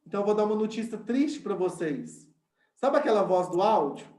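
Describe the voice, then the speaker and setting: A man's voice: high-pitched, very animated, fairly quick, a little mellow. Male teacher, explains step by step and often checks that the class follows, in a roomy echoey space. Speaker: science teacher. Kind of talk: online class lesson.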